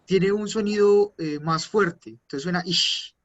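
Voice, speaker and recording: A man teaching an online language class, patiently repeating words slowly for his students. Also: sits high, highs cut off. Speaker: German teacher.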